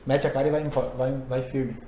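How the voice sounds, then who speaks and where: A man's voice: medium pitch, steady tone, fast talker, background noise. A man who teaches English and Portuguese, hosting a casual podcast and explaining ideas conversationally while thinking aloud. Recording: roomy echo.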